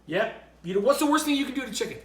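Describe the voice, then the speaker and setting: A man's voice: very high-pitched, animated, very fast, echoey room, crowd noise. A man co-hosting a cooking show, explaining the steps in upbeat, joking banter. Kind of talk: casual cooking demo banter.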